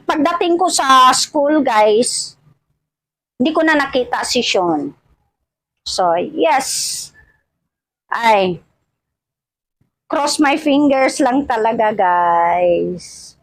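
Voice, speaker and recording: A Filipino woman with missing front teeth chatting casually to her vlog viewers, halting and often repeating her words. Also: on the high side, no room sound, poor audio. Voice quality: speech of someone with missing front teeth, wearing old dentures. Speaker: vlogger. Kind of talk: casual rambling vlog chat addressed to viewers.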